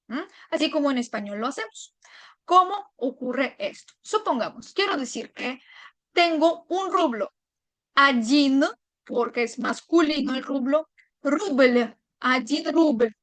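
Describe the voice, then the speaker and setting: A woman's voice: high voice, no room sound. A woman teaching a language lesson online, explaining patiently step by step and checking in her viewers.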